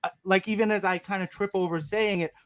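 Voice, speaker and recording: A man's voice: sits high, fairly even intonation, fast talker, fairly bright tone, no echo. A man hosting a casual interview, asking questions and answering with short, eager agreement. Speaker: podcast host.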